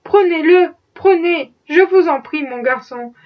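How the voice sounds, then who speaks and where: A woman's voice: extremely high pitch, unhurried, dull audio. A woman reading as a fretful kindly old man. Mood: concerned. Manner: flustered, fatherly concern. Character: kindly, fretful old male factory owner.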